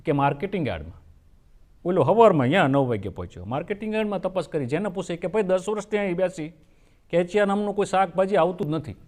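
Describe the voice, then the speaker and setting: Man, high-pitched, folk comedian, lively folksy storytelling. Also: fast. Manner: lively folksy storytelling, acting out characters' lines.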